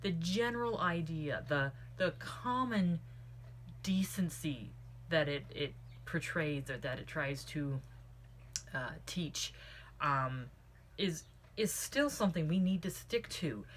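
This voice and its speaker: Speaking slowly in a low, expressive voice, a woman who hosts a book club reviews a book casually. She's earnest and opinionated and tends to wander into tangents, and background noise is clearly audible.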